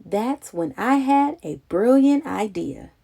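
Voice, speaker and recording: This reader is a woman with a gravelly voice on the high side, moving at a slow pace through a children's picture book. Her storytelling is childlike, dramatic and full of expression.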